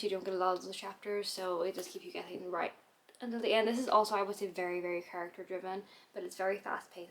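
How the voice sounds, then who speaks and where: Woman book vlogger, casual chat, quick and rambling, ongoing hiccups. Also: fairly low pitch, vocal fry. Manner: rambling, chatty, loose.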